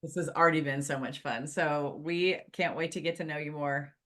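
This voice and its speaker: A woman in her fifties with a lowish voice hosts a relaxed podcast chat. She is playful and teasing and laughs easily with her guest. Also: normal speed. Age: 50s. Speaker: podcast host. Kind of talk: casual interview chat.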